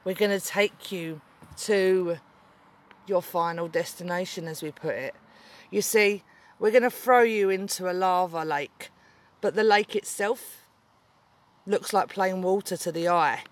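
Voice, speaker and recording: A woman's voice: on the low side, unhurried, close to an everyday voice. A woman playing a gloating demon queen of the underworld in a menacing villain promo, with cackling laughs.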